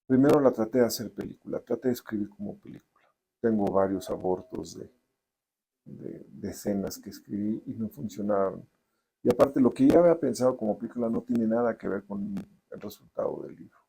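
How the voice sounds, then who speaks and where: A Mexican man, a novelist, answering interview questions deliberately with frequent restarts and hesitations. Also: fairly low pitch, vocal fry, dark tone, breathy edge, rough recording. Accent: Mexican Spanish. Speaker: novelist guest.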